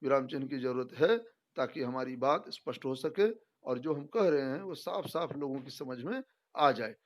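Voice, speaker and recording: A man's voice: medium pitch, moderate pace. A middle-aged male teacher giving a spoken grammar lesson, emphatic and full of rhetorical questions, acting out example sentences.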